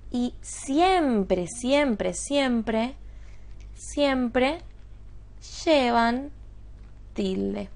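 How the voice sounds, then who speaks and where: A female teacher with a slightly high voice gives a spoken grammar lesson. She goes through it step by step, checking understanding with quick questions.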